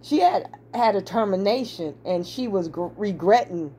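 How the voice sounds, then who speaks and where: A woman telling a personal story in a chatty, animated way, often repeating and restarting her words. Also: medium pitch, moderate pace, slight background noise. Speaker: vlogger. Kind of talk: casual storytelling to camera.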